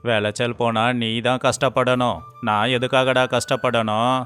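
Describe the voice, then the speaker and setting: A man's voice: medium pitch, little pitch movement, normal speed, a bit bright, smooth, soft background music, close to an everyday voice. A man voicing a harsh, greedy village landlord who scolds in a stern, scornful way.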